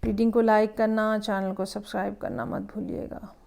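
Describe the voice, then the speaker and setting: A woman's voice: mid-range voice, level tone, moderate pace, creaky, a little mellow. A woman giving a weekly tarot horoscope reading, musing aloud and slipping English phrases into her talk. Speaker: tarot reader.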